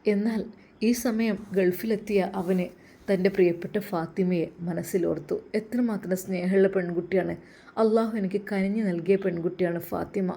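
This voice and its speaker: Woman storyteller, dramatic narration, emphatic pauses, warm dark tone. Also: medium pitch, steady tone, gravelly.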